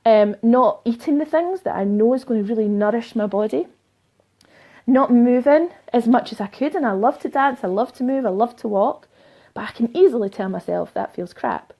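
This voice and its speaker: Emphatic woman life coach, higher voice. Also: normal speed, warm tone. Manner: emphatic, repeating phrases for effect. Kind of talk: live motivational talk to viewers.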